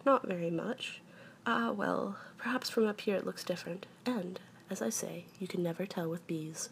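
A woman voicing a small, earnest, self-important and rather anxious male toy bear in a children's storybook, speaking deliberately. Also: lowish voice, vocal fry, slight background noise. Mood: anxious, wary.

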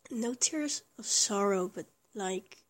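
Speaking in a mid-range voice with lively intonation, a woman takes a slow pace. Her breathy whisper brings tenderness to the part of a small, affectionate young lover who whispers, stammers and rambles between giggles in intimate roleplay audio.

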